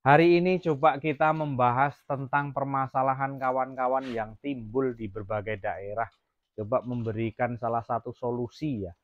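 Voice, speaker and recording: A man's voice: medium pitch, fairly even intonation, normal speed, dull audio. A man from Jambi, Indonesia, running a casual farm vlog about raising quail, rambling with many fillers and restarts. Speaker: quail farmer vlogger. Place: quail farm, near the cages.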